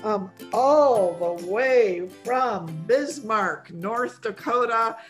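A woman hosts an online gathering for mothers. She chats informally and a little haltingly as she welcomes listeners and gives announcements, with music in the recording. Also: a little high, expressive. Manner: chatty, often chuckling, halting. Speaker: host of an online program for mothers.

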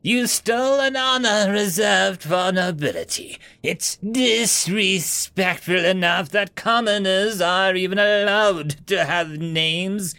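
A man voicing an arrogant, entitled male noble creature who sneers and shouts his words out slowly. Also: sits high, clean tone, pitched above the performer's own voice, full character voice. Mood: contemptuous.

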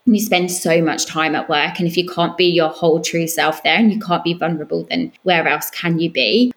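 A woman's voice: lowish voice, a bit bright. A woman with an Essex accent gives long, flowing, earnest and emphatic answers in a conversational interview. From Southend, Essex, England. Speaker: podcast guest, communications professional.

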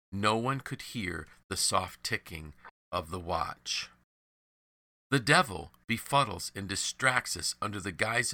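Low, forceful male devotional storyteller. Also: dry recording. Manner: measured, earnest storytelling. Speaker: devotional narrator.

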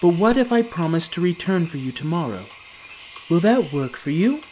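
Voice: mid-range voice, sing-song, moderate pace, darkish tone, a little hiss or hum, voice pushed up, close to an everyday voice. A storyteller voicing a poor, plucky young village boy in a children's story. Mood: earnest.

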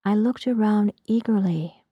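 A woman tells a first-person story in a soft, hushed whisper made for ASMR. Her delivery is slow and mellow, with a breathy edge. The recording is close and dry. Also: mid-range voice, no room sound, dull audio. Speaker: narrator.

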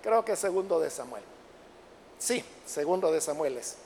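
A man preaching a Bible study sermon, who reads the verses slowly and with force, then explains them in a conversational way and calls his listeners brothers. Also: a little high, expressive, darkish tone, slight background noise. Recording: long hall reverb.

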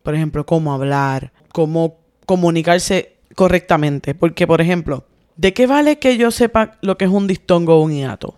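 A woman's voice: low-pitched, moderate pace, a little mellow, dry recording, clean studio sound. A middle-aged woman co-hosting a casual podcast, working through her ideas step by step in a thoughtful, explaining way. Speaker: podcast co-host.

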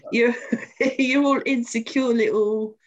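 A woman's voice: on the high side, dull audio. Casual female interviewer, London-area English accent, glottal stops for T's. Everyday conversational delivery. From Luton, England. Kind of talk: casual chat.

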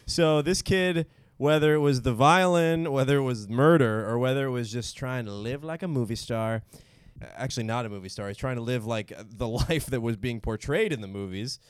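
A man's voice: medium pitch, moderate pace, clear, resonant tone, no echo. A man hosting a podcast, telling a story playfully in casual comedic chat. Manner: playful, does silly voices mid-story.

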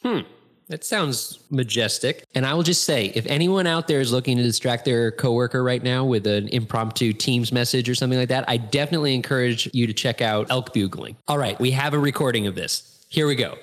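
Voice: medium pitch, a little fast. A podcast co-host in a casual chat who reacts with wry, dry humor.

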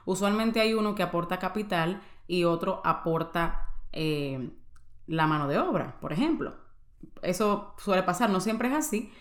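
A woman's voice: medium pitch, reverberant. A woman hosting a podcast, sharing a personal testimony in an earnest, confiding way and speaking directly to the listener. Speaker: podcast host.

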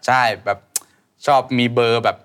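A man co-hosting a casual chat, joking with quick quips. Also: fairly bright tone. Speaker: co-host.

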